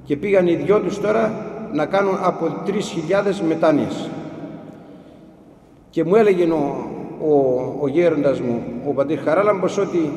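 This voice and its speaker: A monk telling stories of monastic elders in an unhurried, halting way with frequent restarts. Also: male voice, a little high, darkish tone. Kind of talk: storytelling talk about monastic elders. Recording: echoey hall with long reverb.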